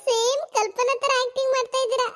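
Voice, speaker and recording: A cheeky young bride. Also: female voice, very high voice, steady tone, fast talker, fairly bright tone, faint music behind. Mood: teasing. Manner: teasing, sing-song. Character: cheeky young bride, mischievous daughter-in-law.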